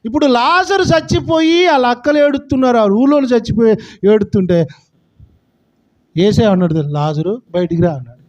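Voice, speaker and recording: A man's voice: very high voice, brisk, pauses often. A male pastor preaching a fervent sermon, calling out to his congregation.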